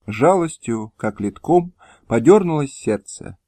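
A man reading a historical audiobook in measured storytelling narration, recorded at home on a close mic. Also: medium pitch, expressive, dark tone, dry recording. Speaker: audiobook reader. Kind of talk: scripted narration. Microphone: close, dry home recording.

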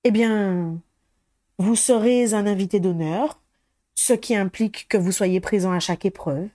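A woman's voice: mid-range voice, a little slow, dark tone, no room sound, studio quality, close to an everyday voice. A woman reading the lines of a courteous, enthusiastic male ministry official in a storybook. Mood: eager. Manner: polite and enthusiastic.

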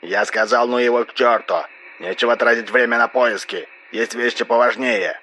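A man's voice: mid-range voice, fairly quick, bright, forceful tone, slight background noise, voice pushed up, close to an everyday voice, rough recording. A man reading an audiobook, voicing a ruthless male corporation boss who barks orders. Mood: domineering. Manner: barking, domineering.

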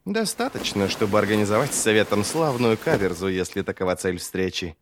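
A man reading an audiobook, voicing a calm, sharp-tongued woman in his own voice. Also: fairly low pitch, a little fast, noisy background, lightly acted. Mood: dry.

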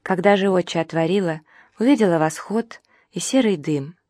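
Solemn lower-voiced woman narrator. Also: a little mellow, no echo, studio quality. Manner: measured, solemn reading of rhythmic archaic prose. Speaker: audiobook narrator. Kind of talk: scripted literary narration.

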